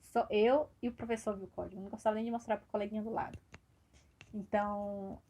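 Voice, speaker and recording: A woman's voice: mid-range voice, flat delivery, quick pace, mellow, a little hiss or hum. A woman giving a casual, hesitant personal testimonial about organizing coding events, with an encouraging tone. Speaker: computer science student or graduate.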